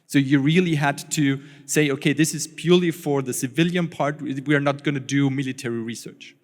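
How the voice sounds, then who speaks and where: A man talks through his points on a conference panel, pausing often and restarting his sentences. His voice sits at an ordinary middle pitch. The sound carries the long reverb of a large hall. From Austria. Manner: halting, many fillers and restarts. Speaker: panelist, researcher.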